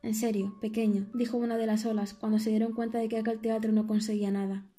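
A woman's voice: a little high, flat delivery, fast talker, mellow, faint music behind, lightly acted. A woman voicing a pair of mocking, gossipy sea waves in an audiobook, squealing and melodramatic. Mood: dramatic. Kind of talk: audiobook character voice.

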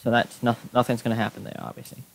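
A young man giving casual gameplay commentary, excitable, yelping when things go wrong. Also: medium pitch, fast, vocal fry. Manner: excitable, yelps and shouts when startled. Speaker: Minecraft YouTuber.

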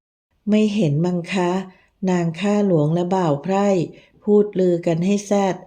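A woman's voice: lowish voice, fairly even intonation, unhurried, mellow, natural voice. A woman reading as a flustered young palace maid. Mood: anxious. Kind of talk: audiobook character reading.

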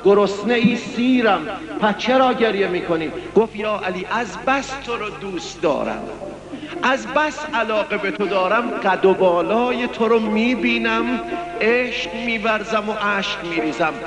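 High, fervent male reciter over music. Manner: fervent, declamatory, pleading. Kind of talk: emotional poetry recitation and storytelling. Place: live religious gathering.

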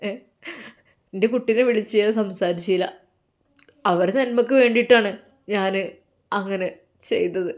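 A woman voicing an aging, tender-hearted mother who speaks softly and sorrowfully, with a Malappuram Malayalam accent. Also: medium pitch, moderate pace, long pauses, pitched below the performer's own voice, natural voice. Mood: tearful. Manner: soft, sorrowful, affectionate.

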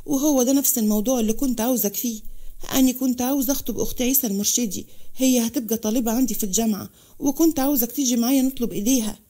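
A mild old father with an Upper Egyptian accent speaks softly in a quick, warm storybook voice, as a woman narrator reads him. His tone stays gentle and rural. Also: fairly high pitch, lightly acted. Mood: calm.

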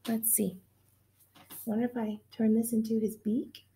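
A teacher with a slow, gravelly voice pitched on the high side reads aloud to children, gushing and animated as she speaks straight to them. She's in a small room at home, picked up by a webcam at desk distance, with a faint hiss or hum underneath.

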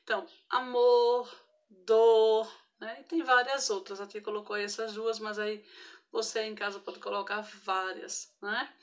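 Brazilian lady teacher doing an online class for kids, kinda high voice, really slow, patient, keeps checking in. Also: steady tone. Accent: Brazilian Portuguese. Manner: patient, frequent tag questions, spells out each example. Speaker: primary school teacher. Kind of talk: online grammar lesson for children.

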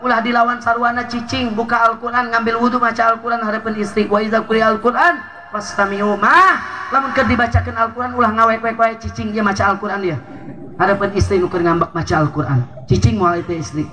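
A man's voice: extremely high pitch, steady tone, a little fast, pushed and bright, a little hiss or hum, poor audio. A man with a Sundanese accent giving a humorous sermon at an outdoor village gathering, joking and asking the crowd questions. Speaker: preacher.

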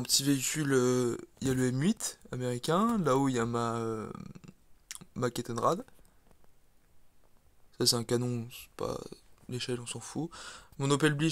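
A man giving a relaxed, hesitant walkthrough of his model build, with many fillers and restarts, filming on a handheld camera. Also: mid-range voice. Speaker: video creator presenting his model build. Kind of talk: casual walkthrough commentary.

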